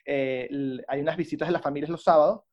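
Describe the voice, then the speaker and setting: A young man with a Venezuelan accent, telling his story as an interview guest, animated and peppered with ¿sabes? and ¿no?. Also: fairly high pitch, fast talker, dull audio. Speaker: guest recounting addiction recovery. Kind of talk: conversational interview.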